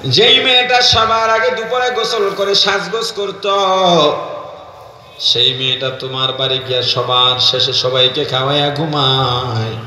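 A man's voice: bright, forceful tone, a little hiss or hum. A man preaching at an open-air gathering, scolding the crowd and chanting emotionally in a sing-song way. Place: outdoor field gathering. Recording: booming echoey PA outdoors.

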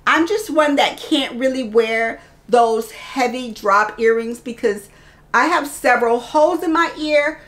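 Speaking at a measured pace with a high, slightly bright voice, a woman in her thirties addresses her audience directly while casually presenting products. The setting is a cramped room with shelves of clothes and bags, fashion-vlog style.

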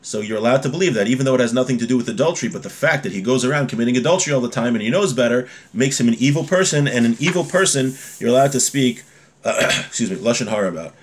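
Talking rapid-fire in an animated, medium-pitched voice, this man of about forty, in his 30s to 40s, teaches religion casually, reading out Hebrew phrases and relating them to daily life. He sits at a desk in a small room at home. A webcam or built-in device mic picks him up from desk distance.

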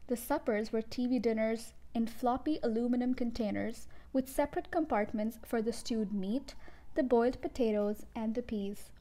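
A woman reading a children's book aloud in a steady, clear storytelling manner. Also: a little high, normal speed.

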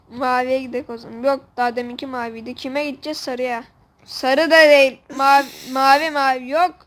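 A woman commentating a video game with a friend, excitable and joking, swearing playfully. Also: sits high, moderate pace, a little hiss or hum. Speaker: gamer host. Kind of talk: casual gameplay commentary.

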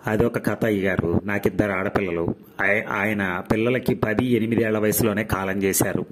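A man's voice: fairly low pitch, fairly even intonation, normal speed, noisy background, natural voice. A man voicing a poor, worn-out widowed woman who cooks at a mess, speaking humbly. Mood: weary. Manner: pleading, humble.

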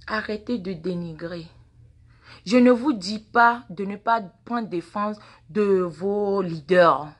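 A woman in her forties with a medium-pitched voice speaks at a slow pace. A native Mina speaker with a Mina accent and a social media personality, she films a live phone monologue at arm's length in a large indoor waiting room, lecturing followers passionately and repeating her words and questions.

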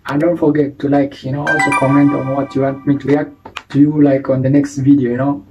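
A man's voice: medium pitch, flat delivery, brisk, over music, rough recording. A young man from Uganda hosting a reaction video, chatting casually with slang, laughing, and saying "you know" and "bro" a lot. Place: small indoor studio room.

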